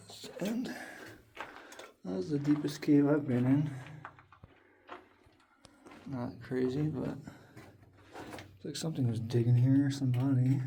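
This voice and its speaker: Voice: mid-range voice, gravelly, mellow, a little hiss or hum. An American vlogger chatting casually and swearing a little while filming inside a small cave on a handheld camera. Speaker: hiking vlogger. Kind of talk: casual vlog chat, talking to the camera while exploring.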